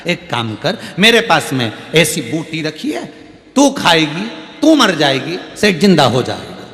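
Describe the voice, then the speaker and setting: A man voicing a stern old male guru who teases grieving relatives in a gruff, mocking way, heard in an echoey hall with faint music. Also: on the high side, sing-song, unhurried, fairly bright tone.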